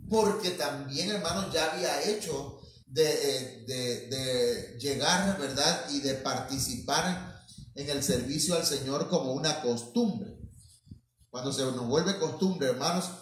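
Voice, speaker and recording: A man preaching a sermon in a slow, halting way, often stopping to address his listeners as brothers. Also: medium pitch, a little hiss or hum. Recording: very echoey, from far off the mic.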